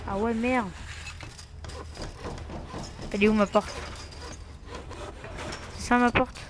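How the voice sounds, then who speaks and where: A man's voice: very high voice, steady tone, slow, background noise. A man giving casual gameplay commentary, muttering to himself with asides and mild swearing. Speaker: let's play gamer.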